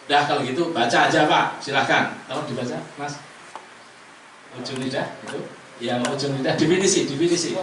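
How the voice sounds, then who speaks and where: A man's voice: mid-range voice, a little fast, a bit bright. A man teaching Quran reading to a class of adults, coaxing and teasing his students. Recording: echoey room, distant mic, room noise.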